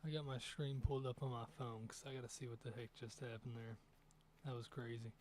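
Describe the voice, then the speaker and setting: A man's voice: mid-range voice, little pitch movement, brisk, darkish tone, a little hiss or hum. A young man streaming a hunting game, giving casual, rambling commentary as he thinks aloud over his shots.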